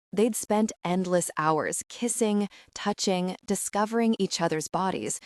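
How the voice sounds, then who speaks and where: A woman narrating a romance audiobook in a measured, sensual way, close to the mic. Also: fairly low pitch, no room sound.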